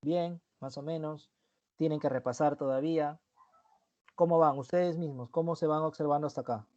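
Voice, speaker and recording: Dark-voiced man teaching a lesson. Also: a little high, fairly even intonation, moderate pace, lo-fi sound. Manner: explanatory, repeats key terms, checks in with "¿sí?". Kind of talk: online class review lecture.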